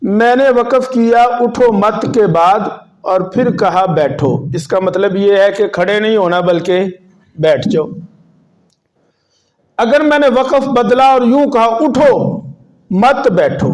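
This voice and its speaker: A man's voice: high voice, darkish tone. A man preaching a sermon as an Islamic preacher, stressing words emphatically and putting questions to the audience. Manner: questions the audience and urges them to answer.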